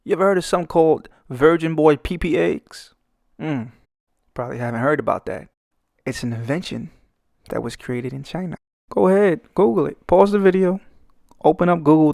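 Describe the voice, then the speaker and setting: This artist and channel host, a young man from Brooklyn by his accent, swaggers and swears through joking, meandering talk as he draws a speedpaint. His voice runs on the high side with vocal fry, recorded cleanly in a studio with no room sound.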